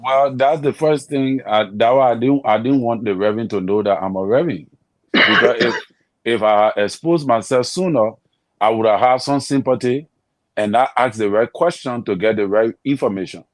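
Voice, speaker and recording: A man's voice: mid-range voice, normal speed, dry recording. Frank man, dry close sound. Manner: frank, critical, conversational. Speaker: political analyst. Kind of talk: panel discussion.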